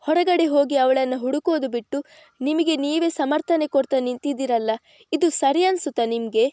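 A woman's voice: sits high, normal speed, mellow, dry recording, studio quality, natural voice. A woman voicing an anxious mother who scolds her family for not searching for a missing daughter. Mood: upset.

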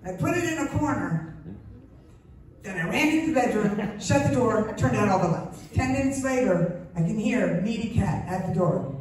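A middle-aged woman performs a stand-up set on stage with a slightly high voice. She tells stories chattily and acts out sounds and voices. The sound is very echoey and distant, with faint noise behind. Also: lively intonation, normal speed, darkish tone. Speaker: stand-up comedian. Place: comedy stage before a live audience.

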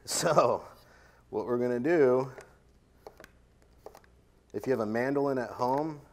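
A man's voice: medium pitch, slow pace, a little mellow, slight background noise. A man, a chef, giving a live cooking demonstration on a conference stage, joking and chatting with the audience. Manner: joking, chatty, self-deprecating, playful with the audience. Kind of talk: live cooking demo keynote.

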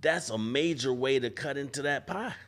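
With a mid-range, fairly bright voice at a moderate pace, this forties-aged barber speaks thoughtfully on a podcast and often restarts his sentences. It's a casual panel discussion in an indoor barbershop event space, using a studio mic on a boom arm.

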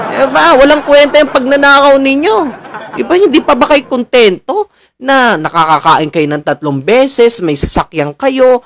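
A young man from the Philippines ranting to his viewers, animated and preachy, mocking officials and laughing between lines. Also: very high voice. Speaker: political commentator. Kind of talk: casual ranting monologue to viewers.

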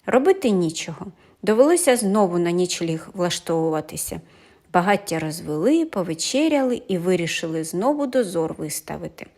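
A woman reading a fairy tale aloud in an animated, expressive storytelling manner. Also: fairly low pitch, normal speed.

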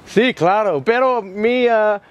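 An Australian man, a native English speaker, chatting casually for a vlog, outdoors on a handheld camera, in English and sometimes halting Spanish. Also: high voice, a crowd in the background. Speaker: vlogger. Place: outdoors on a hillside path. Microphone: handheld camera mic, close.

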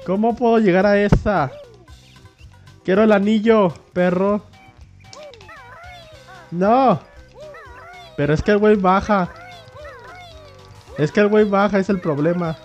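This is a young man with a Mexican Spanish accent who talks excitedly over a video game, swearing freely and reading on-screen lines aloud. His voice sits a little high for a man. Soft game music plays underneath. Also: slow, pauses often, highs cut off. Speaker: gamer. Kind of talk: let's play commentary.

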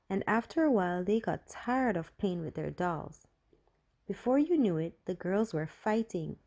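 A woman narrating a children's Bible story in a gentle, carefully read manner. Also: on the low side. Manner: slow, gentle, clearly read.

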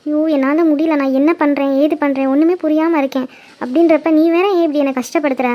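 A woman's voice: high-pitched, steady tone, quick pace, muffled recording, a little hiss or hum, natural voice. A woman voicing a young cartoon girl, defensive and upset. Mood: tearful. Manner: defensive, pleading. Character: young woman torn and tearful over a proposal. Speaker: cartoon character. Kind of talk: cartoon voice acting.

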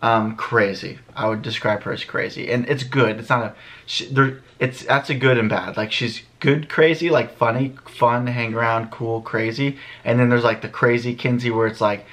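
An American man in his early twenties hosts a vlog from a small bedroom, answering questions in a laid-back, slangy way to a camera a few feet away. His mid-range voice is steady and a bit bright, at normal speed.

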